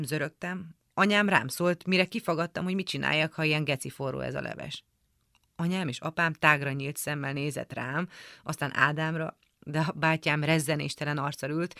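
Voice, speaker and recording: A woman reading a literary memoir aloud for radio in a calm, measured storytelling manner. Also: deep voice, creaky, no echo, clean studio sound. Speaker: radio reader. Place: radio studio.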